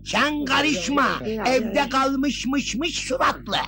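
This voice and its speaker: An actor playing a bald, short-tempered village agha who shouts threats and bullies everyone around him. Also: male voice, very high voice, very slow, heavily acted. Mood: mocking. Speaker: film villain. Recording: old film soundtrack with crowd noise.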